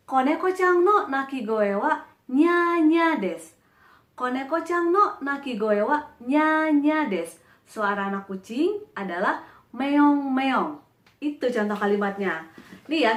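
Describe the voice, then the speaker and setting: High-voiced woman teaching playfully. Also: a bit bright, reverberant. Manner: playful, mimics animal and bell sounds. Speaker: Japanese language teacher. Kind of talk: casual online language lesson.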